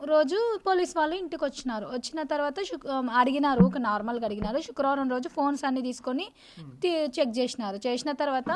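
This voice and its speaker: A woman, the victim's older sister, telling her story to a reporter in a rapid, urgent, pleading way. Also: high voice, slight background noise. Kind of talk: emotional interview testimony.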